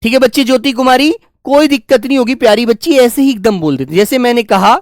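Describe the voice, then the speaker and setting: A man teaching a grammar lesson, dictating slowly and repeating phrases word by word, fondly reassuring his students. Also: extremely high pitch, dry recording, studio quality. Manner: fond, reassuring, calls students "dear children". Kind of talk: classroom lesson with slow dictation.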